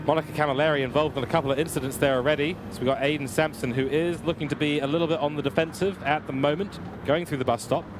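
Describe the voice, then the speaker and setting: A young man giving live commentary on a simulated car race, energetic and building excitement, his voice getting worn. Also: on the high side, fast talker, few pauses, background noise. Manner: energetic, rising with excitement at incidents. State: losing his voice. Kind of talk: live sim racing commentary.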